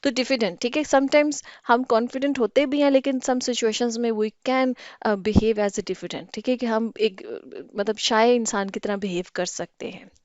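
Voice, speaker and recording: A woman's voice: a little high, steady tone, unhurried, few pauses, darkish tone, dry recording, dull audio. A woman teaching English vocabulary in Hindi, explaining patiently and often checking "ठीक है?".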